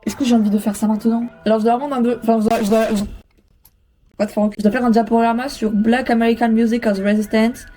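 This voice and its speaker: A young woman talks to her camera from her bedroom, joking at her own expense and cursing freely. Her voice sits fairly high, and light music plays softly behind her. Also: level tone, fast. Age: young adult. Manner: self-mocking, swears, exclaims loudly. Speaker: student vlogger. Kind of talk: casual vlog chat. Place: bedroom at home.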